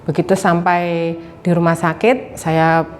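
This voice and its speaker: A woman telling a personal testimony in church, halting and hesitant, with many fillers. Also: fairly low pitch, level tone, a little hiss or hum. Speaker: congregant giving testimony. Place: church service.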